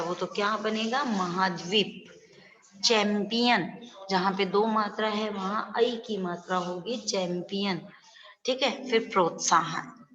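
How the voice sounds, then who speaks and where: Woman teacher explaining slowly, in a reverberant room. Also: medium pitch, fairly bright tone. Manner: explains word meanings slowly, with repeated questions. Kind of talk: online class lesson. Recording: dull audio with long reverb.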